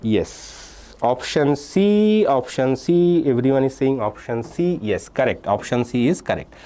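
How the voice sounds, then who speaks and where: His voice is medium-pitched and dark, with lively intonation and an unhurried pace. A young man from India teaching a live online physics exam-prep class, he reads student names and answers from chat, explains step by step, and restates key points between "uh"s and "okay"s.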